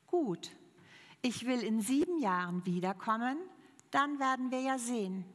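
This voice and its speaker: A woman telling a parable from the pulpit, voicing Life as a calm, measured wandering healer. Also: a little high, big-room sound, pitched above the performer's own voice.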